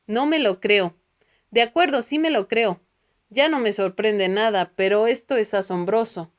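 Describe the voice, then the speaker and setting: A woman's voice: mid-range voice, measured pace, natural voice. A woman voicing a curious, earnest man who asks questions with wry humor in a read-aloud spiritual book. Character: earnest middle-aged man, the curious narrator.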